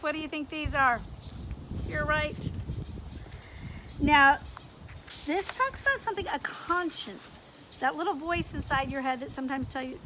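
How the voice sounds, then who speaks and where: Outdoors, a woman reads a picture book aloud to young children with expression, often pausing to ask them questions. Her voice sits high, and there's background noise.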